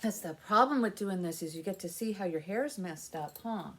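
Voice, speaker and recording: In a small room with an alphabet backdrop, a library presenter in her fifties leads babies through stories, rhymes and songs, chanting in a heavily sing-song way. Her medium-pitched voice is expressive and a bit bright, at a moderate pace, with faint noise in the background.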